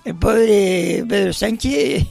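A man's voice: high voice, animated, extremely slow, vocal fry, darkish tone, faint music behind. A man hosting a local radio show in a chatty, rambling way, with joking asides. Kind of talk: casual radio chat.

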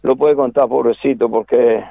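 A man's voice: medium pitch, steady tone, normal speed, creaky, no room sound. An older man with a Canarian Spanish accent, calling in to a radio chat and rambling through old memories with many restarts. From Canary Islands. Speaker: caller. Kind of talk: casual radio phone chat. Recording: tinny phone line.

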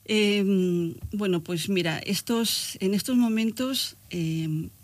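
An older Spanish woman speaks slowly in a mid-range voice, with no room sound audible. As an interview guest she reflectively reminisces about her life, often pausing to search for words.

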